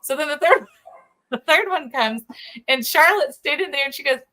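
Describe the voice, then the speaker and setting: A middle-aged woman, co-hosting a show and telling stories in a chatty, animated way. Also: high voice, moderate pace. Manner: chatty, laughs often, animated retelling. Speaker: show co-host. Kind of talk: casual storytelling chat.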